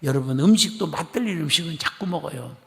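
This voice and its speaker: A middle-aged man from Korea's Chungcheong region preaching a lively, chatty sermon, acting out conversations and coaxing the congregation to respond. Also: a little high, quick pace, vocal fry. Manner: chatty storytelling, acting out dialogue. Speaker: pastor. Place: church sanctuary. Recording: long church hall reverb.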